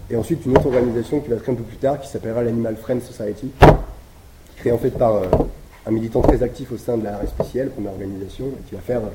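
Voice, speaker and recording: A man's voice: mid-range voice, fairly even intonation, rapid-fire. A man giving an academic lecture, talking with many hesitations, fillers and restarts. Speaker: academic speaker. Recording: echoey room with noise.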